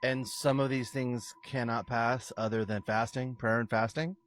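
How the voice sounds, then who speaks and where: A man's voice: mid-range voice, steady tone, moderate pace, slight background noise. A man talking in a casual podcast-style discussion.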